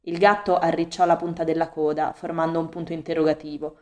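A woman reading a novel aloud as an audiobook in a calm, measured storytelling manner. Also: deep voice, lo-fi sound. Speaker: audiobook reader. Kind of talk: audiobook narration.

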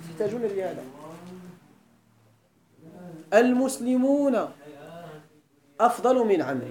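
A high-pitched, darkish male voice with a Moroccan accent gives an Arabic grammar lesson in an echoey hall. Throughout the lecture he quizzes his students with repeated questions to check they're following.

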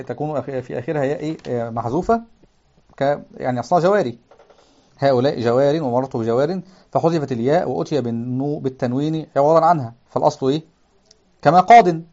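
A man teaching a grammar text to a class. He keeps asking the room questions, answers them himself, and recites lines of verse in a slow chant. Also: mid-range voice, warm tone, lo-fi sound.

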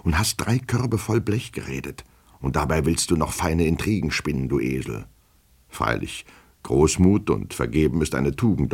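A man's voice: a bass voice, darkish tone, breathy edge, heavily acted. A man reading a fretful, fussy middle-aged clerk who speaks mildly and mutters to himself. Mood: tipsy muttering. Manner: mild, coaxing, then muttering to himself.

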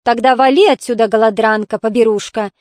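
A woman's voice: a little high, expressive, normal speed, a little mellow, no room sound, clean studio sound, natural voice. A woman reading the part of a nasty, greedy older woman who barks insults. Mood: hostile. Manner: barking, hostile.

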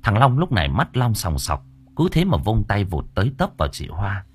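A man narrating a horror story audiobook in an expressive, dramatic way. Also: on the low side, moderate pace, husky.

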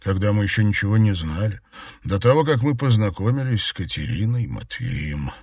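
A man's voice: lowish voice, very animated, brisk, a little mellow, slightly rough, no echo, clean studio sound, far from the mic, full character voice. A man reading aloud and voicing an earnest young man.

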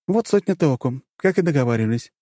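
A man doing a brisk, scheming young woman. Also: mid-range voice, expressive, mellow, no room sound, clean studio sound, voice pushed up, lightly acted.

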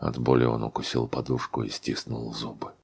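Low, gravelly male audiobook narrator. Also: little pitch movement, normal speed, a little mellow. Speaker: audiobook reader.

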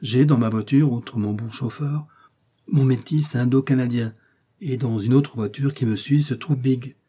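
A man's voice: mid-range voice, measured pace, mellow, breathy edge. A man reading aloud as a mysterious, self-assured young woman with a playful, mocking manner.

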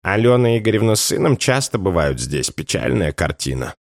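A man's voice: sits low, very animated, brisk, no echo, clean studio sound. A man voicing a polite, matter-of-fact psychiatrist. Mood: mild. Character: polite middle-aged male psychiatrist.

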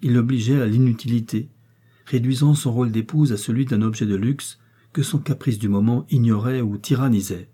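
A man reading a novel aloud as an audiobook narrator, in a measured storytelling manner. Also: mid-range voice, mellow, slightly rough. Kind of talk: scripted narration.

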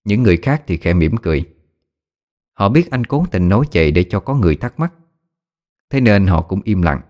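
A man's voice: fairly low pitch, very animated, fairly quick, darkish tone. A man narrating a ghost story in a folksy manner.

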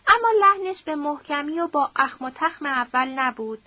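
High-voiced woman reading a novel. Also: dry recording. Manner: steady, expressive storytelling. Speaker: audiobook narrator. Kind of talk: scripted novel narration. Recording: dull dry audiobook recording.

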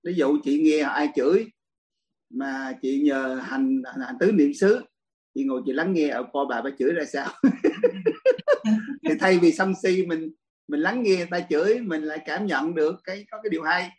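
Lively monk teacher. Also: male voice, on the high side, normal speed, low-quality recording. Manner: lively storytelling, laughs often. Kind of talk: dharma talk Q&A.

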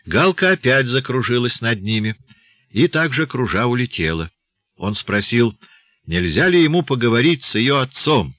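A man narrating an audiobook with an expressive, animated reading. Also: mid-range voice, moderate pace, dry recording, dull audio. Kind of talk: scripted narration.

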